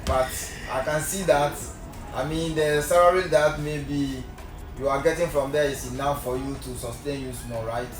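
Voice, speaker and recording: A man's voice: mid-range voice, steady tone, normal speed. A man hosting his channel, asking questions in a friendly way and often repeating himself. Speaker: interviewer, channel host. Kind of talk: casual interview. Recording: echoey room from far off with music.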